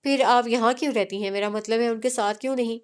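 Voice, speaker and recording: A woman's voice: a little high, fairly even intonation, smooth, close to an everyday voice. A woman voicing an innocent young woman in a story, speaking naively and asking many questions. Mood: curious.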